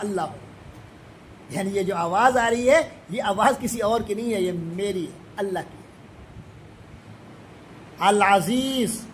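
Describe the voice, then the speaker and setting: A middle-aged man from Pakistan with a high voice gives a Quran commentary lesson. He intones each Arabic verse slowly, then explains it briskly in everyday speech. Faint noise is heard behind him. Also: rough recording. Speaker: Quran teacher.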